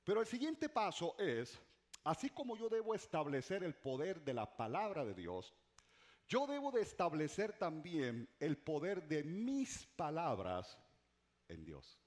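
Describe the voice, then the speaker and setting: Middle-aged male pastor, sermon delivery, lively intonation, dramatic repetition and hushed drops. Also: a little high, measured pace. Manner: preaching with dramatic repetition and swings from loud to hushed; humorous asides to the congregation.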